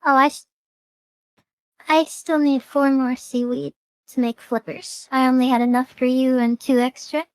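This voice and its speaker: A young woman streamer with a high, smooth and clean voice, trading dry, teasing jokes during a relaxed gaming chat. The sound is close and dry, with no room around it. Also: normal speed, no echo, poor audio.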